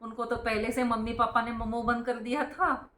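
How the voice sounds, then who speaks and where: A woman with a slightly high voice gives an informal spiritual talk, earnestly explaining her points and addressing listeners as friends. At one point she briefly imitates strict parents hushing their children. She speaks at a moderate pace with little pitch movement, in a roomy, echoing space.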